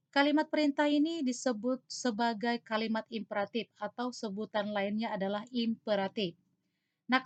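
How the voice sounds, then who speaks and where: A woman teacher walks through a grammar lesson point by point, measured and explanatory. Her voice sits a little high. The recording is dry and somewhat dull, like a lo-fi home setup. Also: no room sound.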